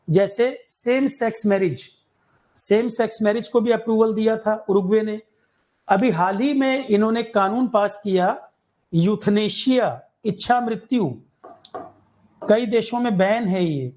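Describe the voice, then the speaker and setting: High-voiced Indian man teaching exam prep. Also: darkish tone, rough recording. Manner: repetitive, drills key facts, asks "clear?". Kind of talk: current affairs lecture.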